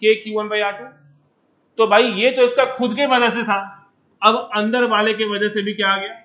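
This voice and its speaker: A man teaching physics in an empty classroom, energetic and coaxing, mixing English terms into Hindi and pressing students to answer. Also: high voice, normal speed, muffled recording.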